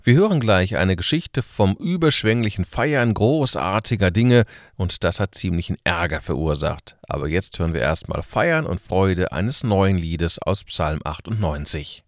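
A man hosting a short radio worship service and giving a sermon in a lively, colloquial manner. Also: deep voice, a little slow, few pauses, dry recording, clean studio sound. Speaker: preacher and radio worship host.

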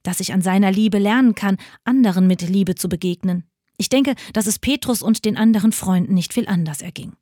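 A woman's voice: mid-range voice, a little mellow, no echo, clean studio sound. Woman giving an earnest spiritual reflection. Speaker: devotional speaker.

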